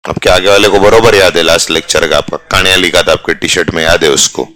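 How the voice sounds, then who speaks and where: Male commerce teacher, low pitch with a forceful edge, jokey classroom banter, switches to English catchphrases. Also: fairly even intonation, fast talker, no echo. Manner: teasing, jokey, mixes English phrases into Hindi. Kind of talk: live classroom lecture.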